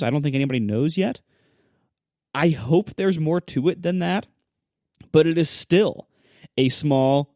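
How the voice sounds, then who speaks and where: A man's voice: medium pitch, a little mellow, dry recording, clean studio sound. A man co-hosting a casual podcast, ranting with exasperation, full of fillers and short laughs. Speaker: podcast co-host. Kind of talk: casual tech podcast chat.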